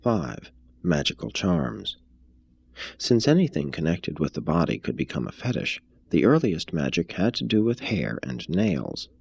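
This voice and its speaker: A man reads an expository text aloud, audiobook style, in a very low, husky voice. He's measured and formal, yet his pitch swings in a lively way. The recording is dry and close, with no room sound.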